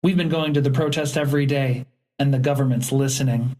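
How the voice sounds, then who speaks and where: A man's voice: mid-range voice, steady tone, a little fast, darkish tone, lightly acted. Outspoken teen girl in an audiobook, blunt and defiant, voiced by a male narrator. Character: bold, outspoken fifteen-year-old girl.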